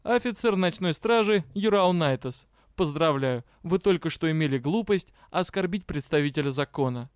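A man voicing a sardonic male dark-elf officer of the night watch, dry and officious in tone. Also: on the high side, animated, normal speed, hardly any pauses, clear, resonant tone, no room sound, lightly acted.

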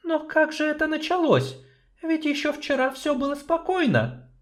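A man voicing a troubled young sorceress in a high, strained falsetto for an audiobook. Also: lively intonation, moderate pace. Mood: doubtful. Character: troubled young female sorceress, weary, wry.

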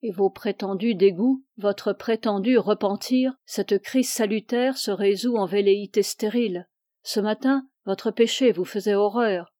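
Une femme qui prête sa voix à un mentor spirituel âgé et sévère, qui fait des reproches d'un ton dur. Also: female voice, mid-range voice, a little slow, mellow, no room sound, studio quality, natural voice. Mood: reproving. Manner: stern, reproving. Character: stern older male spiritual mentor, severe.

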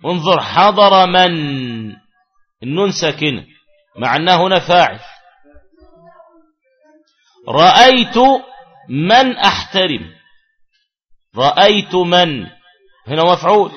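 A man's voice: sits high, sing-song, slow, pauses often, husky, dull audio. A man teaching an Arabic grammar lesson, repeating key words and asking the class questions.

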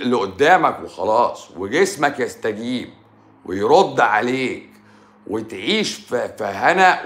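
A man's voice: mid-range voice, fairly bright tone, echoey room. A man with an Egyptian Arabic accent talking casually on a livestream as a doctor answering viewers, blunt and teasing, sometimes dropping to a mutter. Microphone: livestream microphone.

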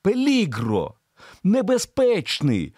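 A man's voice: on the high side, wildly swooping pitch, takes it slowly, warm tone, no echo, studio quality, voice pushed up, exaggerated voice. A man voicing a terrified young woman who cries out for help in frantic, pleading bursts.

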